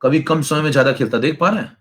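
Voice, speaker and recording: A young male chemistry teacher giving an online class lecture, brisk and teasing, now and then mimicking slow students. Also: a little high, fairly bright tone. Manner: brisk, teasing, acts out lazy students in asides.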